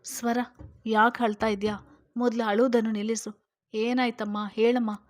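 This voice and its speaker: A woman's voice: fairly high pitch, little pitch movement, moderate pace, dry recording, clean studio sound, natural voice. A woman voicing an anxious middle-aged mother who coaxes her crying daughter in a storybook reading. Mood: alarmed. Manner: anxious, coaxing. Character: alarmed middle-aged mother, worried and pressing.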